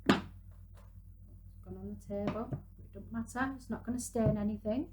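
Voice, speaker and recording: Unhurried and fairly even in intonation, a mid-range female voice belongs to a woman in her thirties who walks parents and young children through a craft while doing it herself. Background noise is present.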